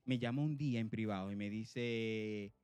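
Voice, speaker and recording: A man with a Venezuelan Spanish accent from Zulia, co-hosting a podcast and telling a story in casual chat, animated and laughing often. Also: on the low side, normal speed, smooth, no echo, soft background music. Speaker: podcast co-host.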